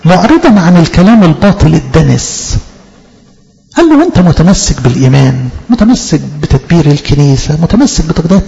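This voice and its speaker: A man with an Egyptian accent preaching a sermon in a fairly high, gravelly voice. He keeps posing questions and answering them himself, driving his points home by repetition. The recording sounds dull and lo-fi. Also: very animated, fairly quick, mellow. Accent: Egyptian Arabic.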